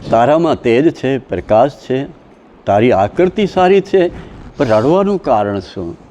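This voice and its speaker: A man with a Saurashtra Gujarati accent telling a devotional story, swinging between loud exclamations and soft asides. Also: medium pitch, lively intonation, unhurried, muffled recording, a little hiss or hum. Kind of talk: religious discourse with chanting. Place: outdoor village satsang gathering.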